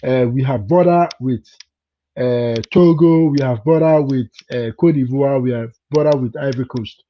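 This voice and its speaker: A Ghanaian man with a mid-range voice and moderate pace hosts a live chat as a vlogger, talking casually with viewers. He repeats words and keeps checking in with "you understand?", and the recording sounds dull and lo-fi.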